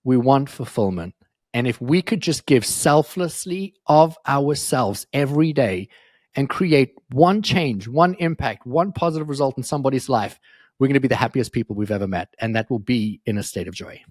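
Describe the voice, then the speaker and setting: A man's voice: medium pitch, expressive, moderate pace, darkish tone, no echo. Earnest man telling stories, dry sound. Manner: earnest, emphatic storytelling. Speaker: podcast guest. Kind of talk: motivational interview talk.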